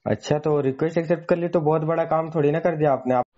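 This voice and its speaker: A man's voice: a little high, steady tone, fast, highs cut off, over a noisy crowd, heavy background noise. A man hosting a gaming channel, chatting casually and pleading persistently over in-game voice chat.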